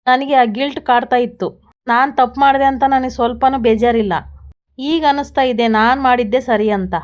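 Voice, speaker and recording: A woman's voice: sits high, steady tone, moderate pace, lightly acted. A woman reading the lines of a hurt, defiant young woman from a drama, in a reproachful, emotional tone.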